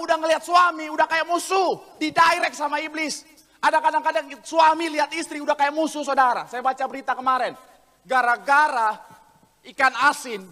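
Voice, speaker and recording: A male pastor preaching an animated sermon in a church, joking with the congregation and acting out the voices of people in his stories. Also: very high voice. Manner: jokes with the congregation. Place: church sanctuary. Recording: long church hall reverb.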